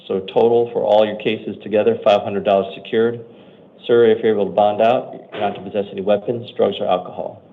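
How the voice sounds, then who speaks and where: A man's voice: on the low side, level tone, a little hiss or hum. Matter-of-fact American male judge, phone-like sound. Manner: brisk, matter-of-fact, routine delivery. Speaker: judge or commissioner at initial appearance hearings. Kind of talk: procedural courtroom announcements. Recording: muffled phone-like courtroom audio.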